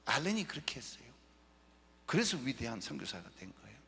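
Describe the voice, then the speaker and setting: A man giving an animated lecture over slides, joking with the audience. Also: medium pitch, a little fast, vocal fry. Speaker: guest lecturer. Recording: echoey lecture hall.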